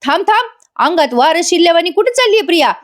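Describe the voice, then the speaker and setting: A woman's voice: very high-pitched, sing-song, fast, pitched above the performer's own voice. A woman voicing a feisty, bossy young farm woman who scolds and commands. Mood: scolding.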